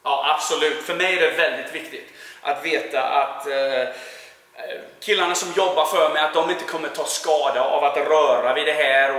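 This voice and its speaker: A man in his forties, a Swedish painting contractor with a matching accent, talks through interview questions in a laid-back way with frequent filler sounds. His voice is a little high. Because he's on a lapel mic in a large warehouse, the sound is very echoey with lingering reverb.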